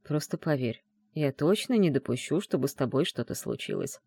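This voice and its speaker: A tender, teasing male mage who murmurs low and close, confident and a little amused, as a woman reader puts him on. The voice sits below her own, dark and mellow, in a dry, close recording. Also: expressive, moderate pace, husky, no room sound, full character voice. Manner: soft, low, hushed murmur. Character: gentle teasing self-assured male mage.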